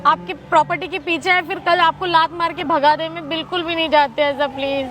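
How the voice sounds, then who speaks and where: A woman's voice: very high voice, fairly even intonation, a little fast, heavy background noise. A young woman playing a daughter who keeps pleading and insisting. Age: young adult. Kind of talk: scripted social drama skit.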